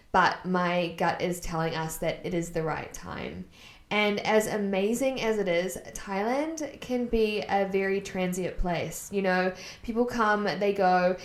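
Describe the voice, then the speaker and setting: A woman from New Zealand in her thirties, hosting a wellness podcast in an upbeat, chatty and encouraging way. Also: on the low side. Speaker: podcast host. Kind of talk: solo wellness podcast talk.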